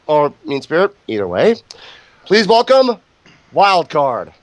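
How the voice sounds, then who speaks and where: A man's voice: fairly high pitch, wildly swooping pitch, slow pace, no echo. A man hosting a casual online show over a voice call, a little sick and coughing, with playful, theatrical announcing. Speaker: host.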